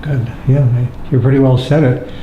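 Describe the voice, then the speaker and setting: A man's voice: medium pitch, steady tone, moderate pace, muffled recording. A man interviewing a guest sympathetically, summing up what the guest has said. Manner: sympathetic, sums up the guest's words. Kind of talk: conversational interview. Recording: echoey room with faint noise.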